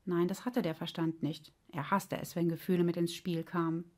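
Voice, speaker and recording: Calm woman telling a story. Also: lowish voice, moderate pace. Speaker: life coach. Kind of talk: storytelling narration.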